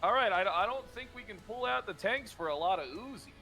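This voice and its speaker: A man's voice: high voice, animated, brisk, bright, forceful tone, faint music behind. A man playing a police officer in a roleplay game, talking hesitantly with many fillers and restarts. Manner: hesitant, stammering, filler-heavy talk. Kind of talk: casual in-character roleplay chat.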